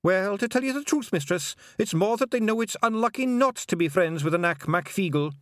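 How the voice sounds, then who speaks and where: A man's voice: high voice, lively intonation, a little fast, no echo, clean studio sound, voice pushed up. A man voicing a tiny, shy, polite pixie man in a kilt, speaking with a Scottish accent and deferring to his mistress. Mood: chatty. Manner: hesitant, deferential.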